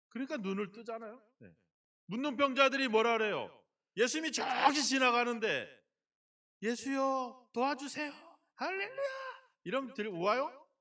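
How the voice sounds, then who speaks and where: A male senior pastor delivering a lively sermon in a church. He acts out quotes and keeps asking the congregation questions. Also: extremely high pitch, far from the mic. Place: church sanctuary.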